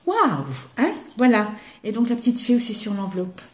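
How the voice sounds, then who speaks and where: A woman's voice: fairly high pitch, very animated, normal speed. An older woman chatting casually to the camera as she shows her craft gifts, now and then dropping to a whisper as she admires them. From eastern France. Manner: chatty, warm, drops to a whisper when admiring things. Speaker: craft vlogger.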